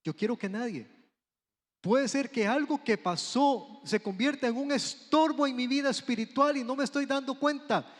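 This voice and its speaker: A man's voice: very high voice, normal speed. A man with a Costa Rican accent preaching a sermon in a church, talking conversationally and often asking the congregation questions. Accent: Costa Rican Spanish. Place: church sanctuary. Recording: long hall reverb.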